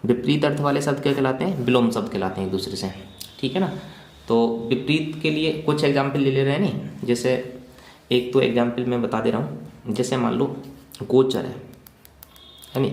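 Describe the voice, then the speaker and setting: A man's voice: medium pitch, darkish tone, echoey room. A male teacher giving an exam-prep grammar lesson, asking questions and answering them himself, with lots of repetition while he writes out examples.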